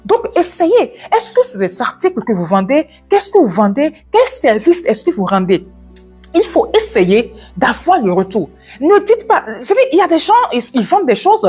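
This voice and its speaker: A woman with an African French accent giving a fast, loud, energetic devotional talk and swallowing some of her words. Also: high-pitched, husky, faint music behind.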